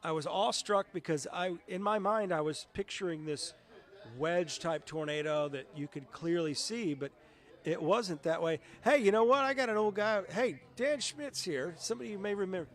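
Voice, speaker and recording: His voice is high-pitched and moves at a normal speed as this middle-aged television weatherman tells stories during a casual interview. The manner is conversational and anecdotal.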